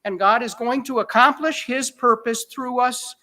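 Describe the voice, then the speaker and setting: Male pastor, high and bright-toned, folksy sermon delivery, restarts mid-sentence. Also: normal speed. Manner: conversational preaching with chuckles and self-corrections.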